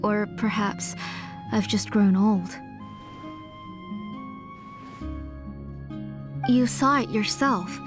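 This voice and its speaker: An aging mother and craftswoman from a video game, played by an actress, speaks in a measured, earnest way. Her mid-pitched voice is weary yet resolute, with faint music underneath. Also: close to an everyday voice. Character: aging, devoted mother and master engraver, weary but resolute.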